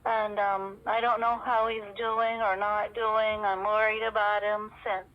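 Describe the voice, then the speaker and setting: On a recorded telephone call, a middle-aged woman chats privately and casually, rambling and hesitating as she talks. Her voice is mid-range and level in tone, and she keeps a measured pace.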